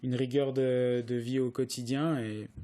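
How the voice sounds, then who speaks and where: Young man, cyclist guest, hesitant answers, monotone, dark tone. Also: medium pitch, a little slow. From France. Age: young adult. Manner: hesitant, many restarts and fillers. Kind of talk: casual interview answers.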